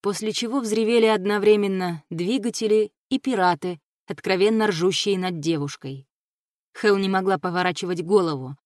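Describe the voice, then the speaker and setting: Brief: female audiobook narrator, steady even read, dry studio sound. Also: medium pitch, dry recording.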